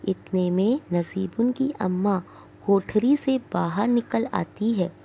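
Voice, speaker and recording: A woman teacher reading a drama aloud for her class, giving the scene directions slowly and deliberately. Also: mid-range voice, gravelly, a little hiss or hum. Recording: dull lo-fi recording.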